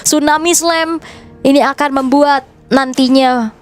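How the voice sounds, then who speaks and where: High-voiced Indonesian woman esports analyst. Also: fairly even intonation, a little slow, a little hiss or hum. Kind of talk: live game commentary, conversational analysis. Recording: music behind the voice.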